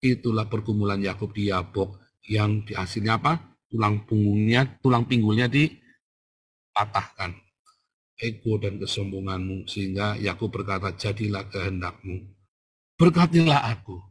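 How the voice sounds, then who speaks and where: A male pastor, preaching a sermon in a blunt, scolding way, mixing in slangy asides and sudden loud bursts. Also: on the low side, normal speed, husky.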